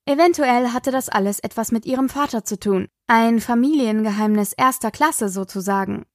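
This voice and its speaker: A woman's voice: a little high, normal speed, dry recording. Woman narrating a storybook, dry close sound. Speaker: audiobook narrator. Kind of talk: scripted narration.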